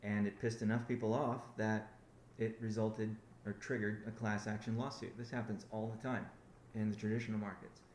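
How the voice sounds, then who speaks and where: On a conference call, a founder rambles through a business update, pausing little while still correcting himself and restarting sentences. His low-leaning voice stays level and darkish at a moderate pace. The room echoes, with slight background noise.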